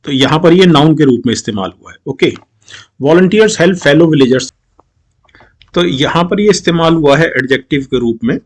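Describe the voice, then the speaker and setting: Middle-aged Indian man, exam-prep tutor, slightly high-pitched, mixes Hindi and English, reads examples slowly. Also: lively intonation. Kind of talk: explaining grammar questions in a video lesson.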